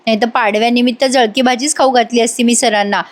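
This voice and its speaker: A woman's voice: on the high side, fairly even intonation, quick pace, close to an everyday voice. A woman voicing an earnest young female canteen worker in a TV show recap, pleading.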